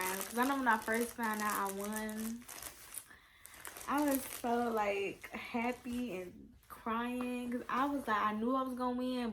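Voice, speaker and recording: A young woman, gushing excitedly through a casual unboxing vlog. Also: medium pitch, background noise. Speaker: vlogger. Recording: music playing behind.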